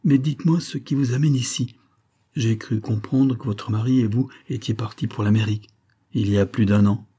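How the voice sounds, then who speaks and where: A man's voice: on the low side, steady tone, moderate pace, warm tone, husky. A man reading an audiobook voices a composed noble lady speaking firmly.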